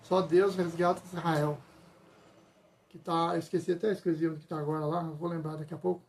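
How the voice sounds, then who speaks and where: A man's voice: on the high side, level tone, brisk, gravelly, darkish tone, slight background noise. A man telling a church testimony, retelling it emphatically with lots of repetition. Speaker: church member giving testimony. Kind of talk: testimony storytelling.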